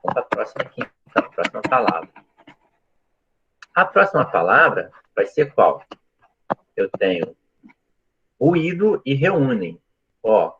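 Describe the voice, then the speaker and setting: A man's voice: mid-range voice, sing-song, unhurried, long pauses, fairly bright tone, dull audio, slight background noise. A man teaching a live online Portuguese grammar lesson, explaining step by step and often checking that students follow. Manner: explanatory, asks frequent checking questions.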